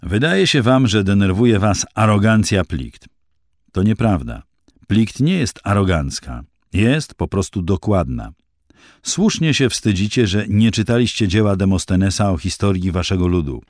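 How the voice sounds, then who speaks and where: A man voicing a calm male teacher who speaks for the dead, measured and gently reproving. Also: on the low side, no echo, studio quality.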